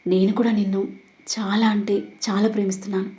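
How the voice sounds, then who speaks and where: A woman's voice: medium pitch, little pitch movement, a little fast, mellow, dull audio, close to an everyday voice. A woman voicing a tipsy, pouty young woman in love, talking in a cute innocent way. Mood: soft loving.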